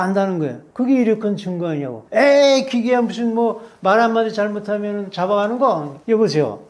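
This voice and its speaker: A man's voice: high voice, mellow. An older man from North Korea, telling his story in an interview with emphatic, indignant delivery. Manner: emphatic, indignant, acts out quoted officials. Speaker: interview guest, defector activist.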